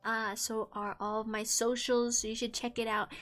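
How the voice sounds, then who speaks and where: Cute anime streamer girl, young woman, high voice, bubbly n playful casual chat, music behind her. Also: normal speed. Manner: animated, playful, giggly. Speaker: streamer hosting a live debut stream. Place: indoors at a home computer setup.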